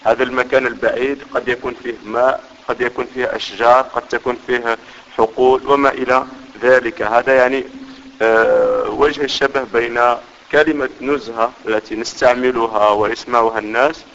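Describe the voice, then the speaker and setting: A man's voice: mid-range voice, fairly bright tone. A man giving a religious lesson, explaining step by step and often checking that listeners follow. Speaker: religious teacher. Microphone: microphone. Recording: dull reverberant hall recording.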